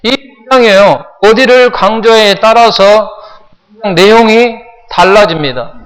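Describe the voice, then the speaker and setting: High-voiced pastor preaching in a reverberant church. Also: male voice. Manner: asks the congregation questions, repeats phrases for emphasis. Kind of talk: sermon. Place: church sanctuary.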